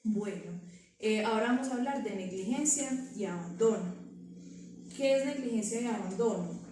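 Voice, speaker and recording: A woman's voice: medium pitch, moderate pace, background noise. A woman, an early childhood educator giving a conversational training talk to parents, often asking rhetorical questions. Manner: conversational, asks rhetorical questions with frequent "¿cierto?". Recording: very echoey room from far off.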